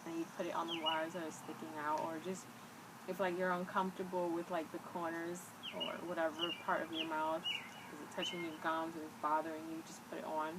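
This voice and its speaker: A woman's voice: deep voice, little pitch movement, fairly quick. A young woman with a slight whistle on her s sounds, chatting casually and rambling hesitantly to camera. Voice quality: slightly whistling s from new braces. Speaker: vlogger. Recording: loud background noise, amateur home recording.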